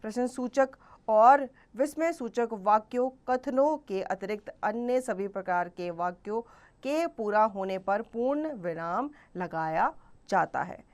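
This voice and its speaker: A woman gives a grammar lesson to young children, speaking at a middle pitch in a patient, clear way. She slows right down to spell out each example sentence. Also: lively intonation. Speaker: teacher.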